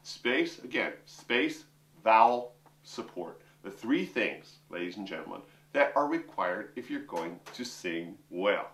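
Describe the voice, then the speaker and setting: A middle-aged man who works as an opera singer and vocal coach gives a chatty, joking lesson directly to his viewers from a room with a piano. His voice is on the low side, sing-song and a bit bright, at a measured pace. Recorded from a distance, the sound is roomy.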